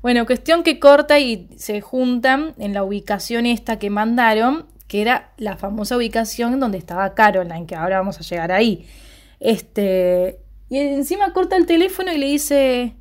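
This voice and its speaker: Animated Argentine young woman, higher voice. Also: normal speed. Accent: Rioplatense Argentine. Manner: animated storyteller, jumps high to act out quoted lines. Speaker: series recap co-host. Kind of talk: casual chat.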